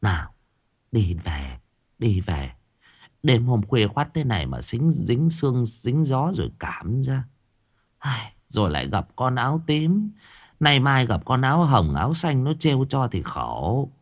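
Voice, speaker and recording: A man's voice: on the low side, sing-song, moderate pace. A man voicing a fierce old village grandmother who scolds sharply. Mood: grumbling. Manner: scolding, gruff.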